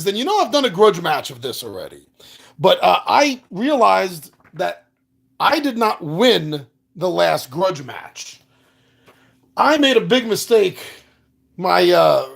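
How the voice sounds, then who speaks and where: A man's voice: high-pitched, gravelly. A man hosting a board game video, talking casually and rambling with lots of fillers, a little out of breath. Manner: rambling, self-deprecating, chatty with fillers. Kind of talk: casual chat to a live audience. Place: apartment.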